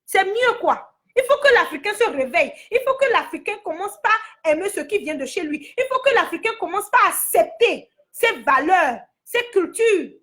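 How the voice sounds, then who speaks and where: A woman's voice: very high voice, sing-song, normal speed, hardly any pauses, fairly bright tone. A woman from Togo giving her angry opinion straight to her viewers in a heated vlog, repeating herself as she scolds. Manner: indignant, repetitive, addresses viewers directly.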